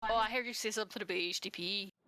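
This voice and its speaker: A woman's voice: medium pitch, rapid-fire, sharp tone, no echo. A woman chatting playfully with her husband as they play a game together on his stream. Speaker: streamer's wife and co-player. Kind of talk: casual chat while gaming.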